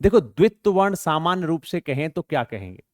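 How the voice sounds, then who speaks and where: A man's voice: on the high side, animated, a little fast, darkish tone, no room sound, studio quality. A man teaching an exam-prep grammar lesson, asking rhetorical questions and repeating words to show pronunciation.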